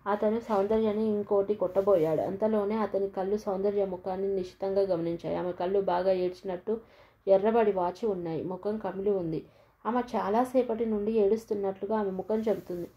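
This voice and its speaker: A woman narrating a novel in an even storytelling manner. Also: medium pitch, fairly quick. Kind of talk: audiobook novel reading. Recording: dull lo-fi recording.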